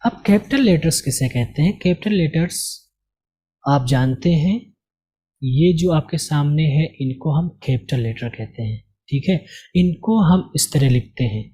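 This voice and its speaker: Fairly high in pitch, warm and slightly rough, the man's voice is expressive and measured as he teaches English letters. His slow lesson is patient and repetitive, and he asks and answers his own questions for the learner.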